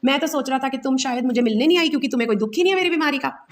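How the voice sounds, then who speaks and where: A woman's voice: high voice, rapid-fire, natural voice. A woman doing a sick, grateful lion king. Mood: delighted. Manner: calls out loudly, friendly and excited.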